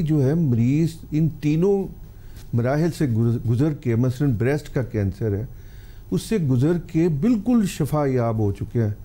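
In a TV studio, an older man who is a cancer specialist speaks on a health talk show, his voice fairly high yet dark. He offers the public earnest, pleading advice.

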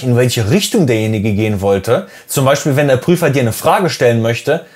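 A man's voice: a little high, a little mellow. A man who teaches English, giving direct, encouraging tips for an oral exam in a lesson video.

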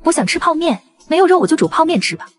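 A woman's voice: very animated, rapid-fire. A woman voicing a young schoolgirl who complains about unfair treatment. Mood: complaining. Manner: high and complaining. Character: young schoolgirl, hurt and plain-spoken.

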